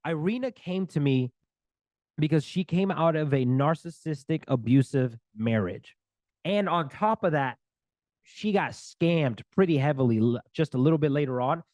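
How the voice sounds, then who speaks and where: A man's voice: fairly high pitch, expressive, moderate pace, a little mellow, no room sound. Earnest male divorce coach, dry sound. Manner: earnest, preachy, faith-filled encouragement. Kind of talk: energetic talk to camera.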